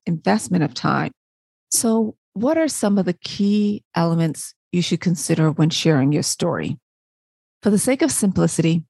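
A woman from Barbados hosts a motivational podcast with a low, gravelly voice. She is recorded dry and close. She poses rhetorical questions, answers them herself and tags her points with "right?". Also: darkish tone, no room sound. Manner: often checks in with a tag "right?". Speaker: podcast host.

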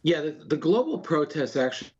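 A man giving political commentary as an interviewed guest, in a halting way, often repeating words as he explains. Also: fairly high pitch, sing-song, husky, muffled recording.

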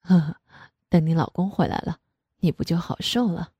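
A woman voicing a middle-aged father in an audio story, soft-spoken and teasing, with a husky, lowered voice. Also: moderate pace, dry recording, highs cut off.

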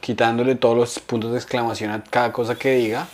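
A young man co-hosting a casual comedy podcast, telling stories in an animated, slangy way and acting out the quotes. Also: medium pitch, fast. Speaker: podcast co-host.

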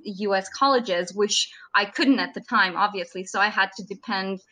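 A woman's voice: mid-range voice, normal speed, bright, forceful tone, low-quality recording. A woman in her thirties from Serbia, a native Serbian speaker, chatting as a surgeon guest in an interview and laughing often. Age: 30s. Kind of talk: casual interview chat.

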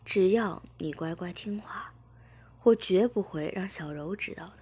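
A woman voicing a calm, teasing man in a soft, whispered role-play. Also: fairly low pitch, unhurried, husky. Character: calm commanding man, the master.

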